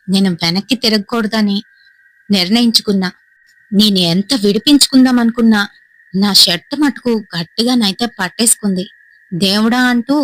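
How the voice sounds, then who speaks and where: A woman's voice: mid-range voice, a bit bright, no echo, low-quality recording. A woman with a Telugu accent telling a first-person horror story, dramatic and frightened in tone. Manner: dramatic, frightened retelling with tense dialogue bursts.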